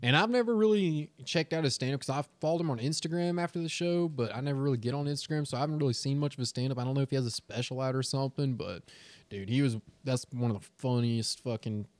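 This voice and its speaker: Male comedian, mid-pitched, casual profane banter, close dry mic. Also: fast, a little mellow, no echo. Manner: loose, swearing, says dude and bro. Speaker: comedian and podcast co-host.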